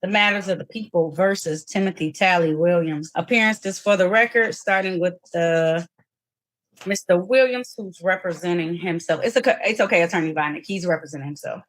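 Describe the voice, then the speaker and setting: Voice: medium pitch, a little fast, a bit bright, dry recording. A judge running a hearing, speaking formally and procedurally with frequent ums, captured on a courtroom recording.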